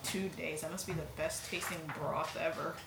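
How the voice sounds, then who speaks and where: A woman's voice: low-pitched, steady tone, normal speed, a crowd in the background. A woman playing a tabletop game, asking casual chatty questions. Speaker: player. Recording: echoey room, clear background noise.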